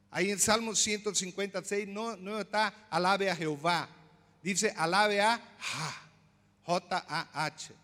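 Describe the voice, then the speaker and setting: A male pastor preaching a sermon, explaining slowly, repeating words and asking the congregation questions. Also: sits high, fairly bright tone, in a large hall. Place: church.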